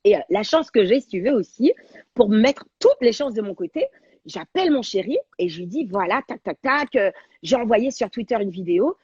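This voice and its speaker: Husky woman telling a story excitedly. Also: a little high, moderate pace, dry recording, muffled recording. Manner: animated, slangy, dramatic retelling. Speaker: talk show guest, radio and TV presenter. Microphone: video call on a livestream.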